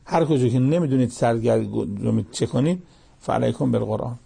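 Man, preacher, sermon, raspy fry in the voice, warm dark tone, rhetorical questions, recites scripture. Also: mid-range voice. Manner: quotes Arabic verses and asks pointed rhetorical questions.

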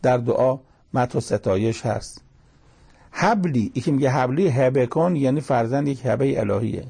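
A man's voice: mid-range voice, gravelly, mellow, breathy edge. A man giving a religious lecture, explaining verses in a plain conversational teaching manner with quoted asides. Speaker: cleric.

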